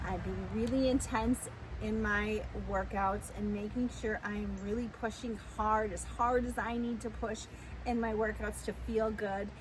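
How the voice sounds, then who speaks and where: A woman's voice: mid-range voice, steady tone, measured pace, noisy background. A woman talking candidly and chattily in a casual vlog, giving herself encouragement like a pep talk. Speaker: vlogger, amateur physique competitor.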